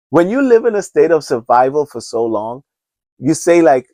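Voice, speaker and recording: Very animated and warm, this man's voice runs on the high side yet keeps a measured pace, captured in a dry recording. A Trinidadian in his fifties, he hosts his own podcast unscripted, rambling earnestly, restarting often and urging listeners like a preacher.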